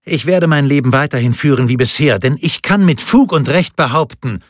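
A man voicing a proud nobleman who calmly and firmly defies his enemy. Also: medium pitch, moderate pace, dry recording, clean studio sound, voice pushed up, close to an everyday voice. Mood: defiant. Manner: firm, defiant, declamatory.

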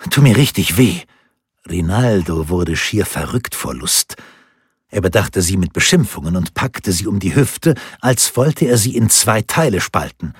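Brief: male audiobook narrator, steady and measured, very raspy timbre. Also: low voice, dry recording, studio quality.

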